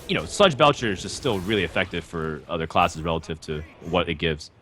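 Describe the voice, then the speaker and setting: Low-voiced analytical male caster. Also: a little fast, bright, forceful tone, slight background noise. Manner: thoughtful analysis with frequent fillers. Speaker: esports commentator. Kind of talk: live game commentary.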